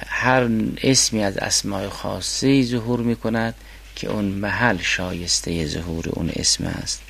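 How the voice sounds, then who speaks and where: A man teaching a class on a mystical philosophy text, reading classical quotations slowly and then explaining them. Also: sits low, vocal fry, slight background noise.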